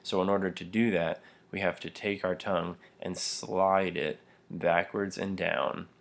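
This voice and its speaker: Low gravelly man teaching pronunciation. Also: fairly even intonation, unhurried. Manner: patient step-by-step explaining with frequent fillers; demonstrates throat sounds, laughs lightly. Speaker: language teacher. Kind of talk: video lesson explaining pronunciation.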